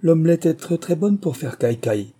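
A man voicing a frightened cook who talks in halting broken speech. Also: a little high, lively intonation, warm tone, slightly rough, pitched above the performer's own voice. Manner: fearful, halting.

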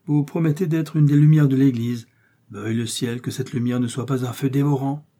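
A man's voice: mid-range voice, fairly even intonation, a little fast, mellow, pitched above the performer's own voice, natural voice. A man voicing a zealous Jesuit priest who lectures in a raised, preachy voice.

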